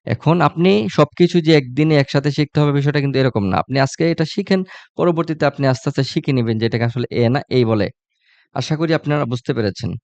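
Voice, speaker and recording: A man's voice: medium pitch, fast talker, darkish tone, dry recording. A man teaching a live English class, repeating each letter and quizzing students on how it sounds, speaking directly and conversationally to viewers. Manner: repeats and quizzes the class, asking what it will be; conversational, addresses viewers directly with religious phrases.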